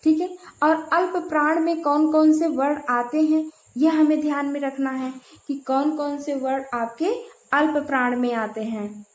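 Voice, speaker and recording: In a grammar lesson recorded in an echoey room, a woman teaching Hindi keeps a steady tone and an unhurried pace, her voice sitting high. She quizzes with her own questions and repeats important terms to drill them.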